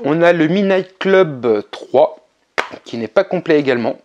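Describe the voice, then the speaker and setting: A man with a slightly high voice talks through a casual vlog in a relaxed, chatty way, pausing to hesitate now and then. A faint hiss of noise sits under the recording. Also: lo-fi sound. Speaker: video game collector vlogger.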